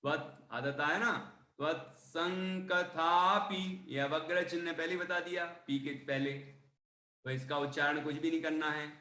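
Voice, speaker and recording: A man teaches a devotional text, explaining each point and chanting each line slowly so his students can repeat it. His voice sits a little high and sounds bright and forceful. The room around him is roomy and echoey. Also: steady tone. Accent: Hindi speaker from Indore, central India. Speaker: religious teacher. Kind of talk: devotional text lesson with recitation.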